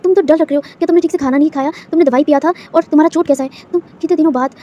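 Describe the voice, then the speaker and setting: A woman's voice: high-pitched, fairly even intonation, quick pace, warm tone, breathy edge, highs cut off. A woman voicing a lovesick young male boss who stammers and pleads through tears, in a storybook reading. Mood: anxious, pleading.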